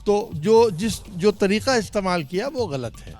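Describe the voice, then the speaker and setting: A man's voice: sits high, lively intonation, a little slow, a little mellow, soft background music. A man speaking for his party in a street debate, insisting he not be interrupted.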